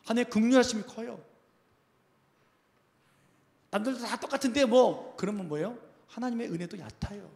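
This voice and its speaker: A man's voice: very high voice, moderate pace, vocal fry, pauses often, a little mellow. A male pastor preaching a sermon, emphatic and full of repeated questions to the congregation, in a church sanctuary. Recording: reverberant church hall.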